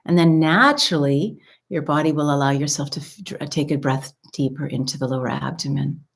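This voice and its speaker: A woman with a low voice guides a calm grounding exercise. She speaks informally as a coach, with a halting flow and soothing instructions. Key phrases come back a second time for emphasis. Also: creaky, husky. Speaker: wellness coach leading a nervous system exercise.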